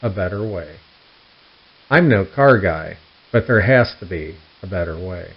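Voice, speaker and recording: The host of a read-aloud joke newsletter, a man with a low, husky, expressive voice, goes a little slowly through puns and dad jokes, setting each up before the punchline. Audio quality is dull and lo-fi.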